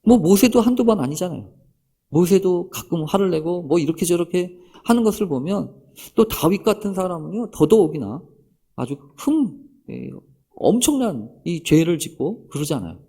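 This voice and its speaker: Male pastor giving a sermon, higher voice, lots of rhetorical questions, swings up and down a lot. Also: big pitch swings, moderate pace, mellow, husky. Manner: addresses the congregation with rhetorical questions.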